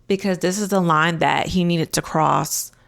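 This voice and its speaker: Gravelly-voiced woman recapping with drama. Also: on the low side, fairly even intonation, normal speed, a bit bright, dry recording. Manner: emphatic, dramatic. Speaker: reality show recap host. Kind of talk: casual commentary vlog.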